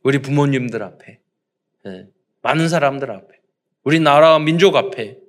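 A man's voice: mid-range voice, normal speed. A man preaching a sermon to his congregation, asking rhetorical questions and acting out parents and children. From South Korea. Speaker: pastor.

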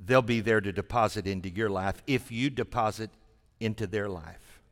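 In a large church hall with long reverb, a man in his 60s preaches to his congregation during a service. His voice is lowish and a bit bright at a normal speed, and he speaks in a folksy manner, repeating phrases to drive points home.

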